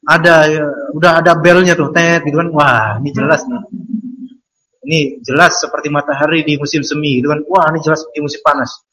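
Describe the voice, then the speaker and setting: Indonesian male preacher, slightly higher register, husky tone, loose anecdotal lecture delivery with Arabic phrases. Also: sharp tone, rough recording. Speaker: Islamic preacher. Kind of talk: casual storytelling in a religious lecture.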